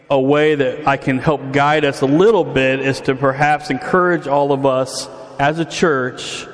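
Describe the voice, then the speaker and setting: A man in his forties preaching a sermon in a church hall, chatty and quizzing the congregation, his voice echoing through a big hall. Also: on the high side. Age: 40s. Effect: big hall echo. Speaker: pastor. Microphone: PA microphone. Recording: reverberant hall.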